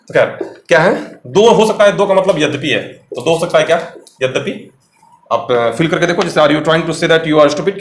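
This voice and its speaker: Man teaching grammar in an echoey room. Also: a little high. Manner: explains step by step, quizzing the viewer. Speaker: English teacher. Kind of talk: exam-prep grammar lecture.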